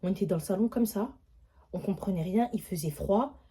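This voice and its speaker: A young woman vlogger telling a story in a casual, animated way, full of slang and repeated filler tags. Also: mid-range voice, a little fast, a little hiss or hum.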